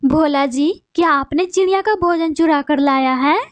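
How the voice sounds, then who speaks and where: A woman voicing a female bulbul bird, a sharp-tongued wife and mother, with a scolding, bossy manner. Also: sits high, moderate pace, no room sound, natural voice. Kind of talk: cartoon voice acting.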